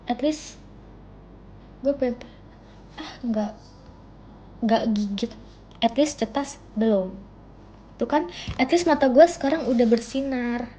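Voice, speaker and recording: Speaking slowly with long pauses, this young woman from Indonesia has a fairly high but dark-toned voice, with slight background noise. She banters playfully on a livestream, teasing others and herself in casual chat, all captured through a phone mic as dull, lo-fi audio.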